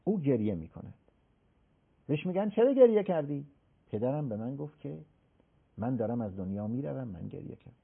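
Guy explaining a religious text, voice swings all over, acts out the quotes, bit husky, sounds tinny like a phone line. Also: medium pitch. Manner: animated, acts out the people he quotes; recites Arabic scripture slowly. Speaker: religious scholar explaining hadith. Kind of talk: religious discussion in an interview.

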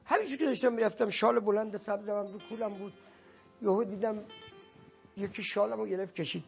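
High gravelly man telling an emotional story. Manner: heartfelt, acts out quoted dialogue. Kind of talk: emotional religious anecdote. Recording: dull lo-fi sound with faint music.

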